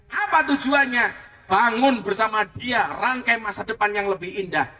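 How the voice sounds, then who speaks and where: A man's voice: sits high, animated, moderate pace, pushed and bright. A man preaching a comic sermon, telling stories with playful jokes and asides. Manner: joking, storytelling, playful asides. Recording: distant mic with faint noise.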